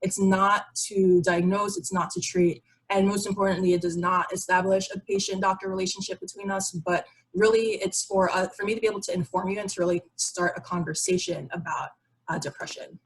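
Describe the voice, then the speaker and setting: This psychiatry resident, a young adult from Barbados, has a mid-range, husky voice with a steady tone and brisk pace, though the audio is poor. She's presenting informally over a video call with shared slides, explaining educational content conversationally.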